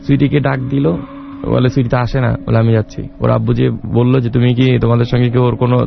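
A man's voice: mid-range voice, creaky, lo-fi sound. A young man telling a long personal story in a rambling way, acting out the dialogue as he goes. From Bangladesh. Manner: rambling, with many restarts and quoted dialogue.

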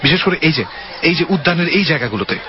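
A man's voice: a little high, expressive, quick pace, lightly acted. An actor playing a decisive young male student who leads his friends in an audio drama mystery. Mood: secretive, determined. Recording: muffled lo-fi, loud music behind.

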